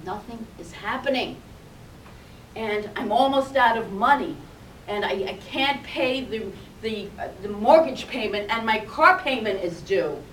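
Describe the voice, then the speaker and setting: A woman's voice: on the high side, expressive, a little hiss or hum. A woman voicing a panicked single mother pleading. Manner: pleading, anxious, rushing. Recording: echoey room, distant mic.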